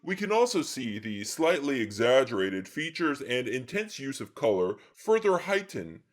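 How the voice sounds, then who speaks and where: A man's voice: mid-range voice, sing-song, moderate pace. A man giving a comedic art lecture in an earnest, slightly fussy lecturing manner.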